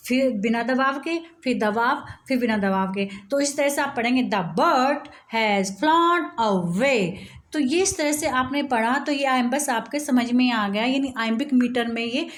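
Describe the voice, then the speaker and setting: High-voiced woman teaching poetry. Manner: asks frequent check-in questions; reads English lines slowly, stressing each beat. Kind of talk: explaining English poetry to students.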